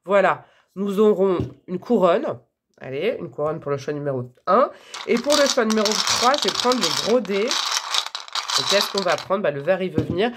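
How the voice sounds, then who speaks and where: A woman's voice: on the low side, animated, moderate pace, very noisy. A woman reading tarot for her viewers in a chatty, casual way, with many fillers and frequent laughs. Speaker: tarot reader.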